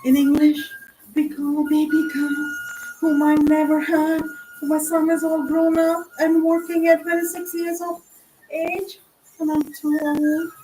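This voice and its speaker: A woman's voice: sits high, monotone, measured pace, mellow. A middle-aged woman giving a playful, rambling spoken-word stage performance in a sing-song way. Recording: echoey room from far off with music.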